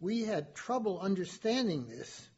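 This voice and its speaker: High slow-talking martian envoy guy, stiff and formal, audio drama on a dull lo-fi recording, a man doing the voice. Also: sing-song, a little mellow, slightly rough, exaggerated voice. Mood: solemn. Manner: slow, measured, formal speech. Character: stately male Martian ambassador, formal and aloof.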